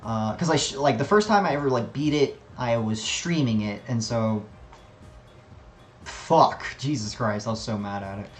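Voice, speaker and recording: A man's voice: medium pitch, expressive, moderate pace, roomy sound, slight background noise. A man streaming a video game, ranting casually with frequent swearing and fillers. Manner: rambling, profane, lots of fillers. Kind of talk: casual gaming commentary.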